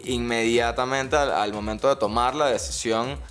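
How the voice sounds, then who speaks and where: A man from Venezuela, a podcast guest, explaining his views in a reflective, drawn-out way. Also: medium pitch, steady tone, fairly bright tone, faint music behind. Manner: reflective, explains at length with restarts. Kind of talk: casual chat.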